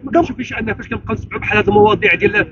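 A man's voice: high-pitched, steady tone, very fast. A man with a Moroccan accent asking conversational questions as a street interviewer outdoors. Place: outdoors at night in a city park. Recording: dull, noisy street with traffic.

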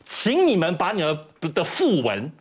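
A man's voice: sits high, huge pitch swings, moderate pace, husky. A man giving indignant, emphatic talk show commentary in a television studio. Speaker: political commentator.

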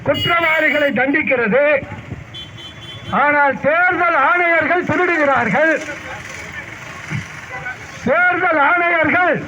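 A man addressing a street protest as a party speaker, delivering a political speech in slow, measured oratory. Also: extremely high pitch. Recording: dull lo-fi recording with faint street noise.

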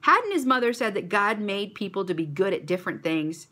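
A woman reading a children's story aloud to a church kids' club, expressive and animated. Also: medium pitch, brisk.

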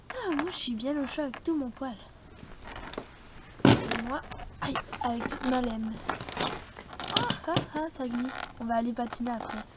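A young girl voicing her toy figures as they play on ice outside, playful, swearing and crying out in pain. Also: high voice. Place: outdoors on ice in winter. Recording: dull sound, loud outdoor noise.

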